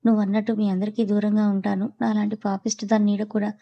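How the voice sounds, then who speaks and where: A woman's voice: medium pitch, flat delivery, rapid-fire, vocal fry, mellow, highs cut off. A woman voicing a remorseful middle-aged mother who pleads and apologizes to her family.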